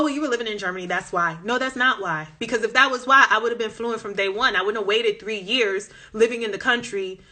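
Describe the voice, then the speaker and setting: With a medium-pitched, bright and forceful voice, this Southern American woman chats passionately on a phone live stream and reads viewer comments as she goes. She hosts a language-learning Instagram account.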